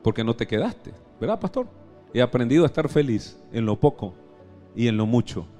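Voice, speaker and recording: A man with a Venezuelan accent preaching a live church sermon, emphatic, firing questions at the congregation and swinging from loud exclamations to soft low asides. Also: very animated, a little fast, soft background music. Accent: Venezuelan Spanish. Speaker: pastor. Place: church service.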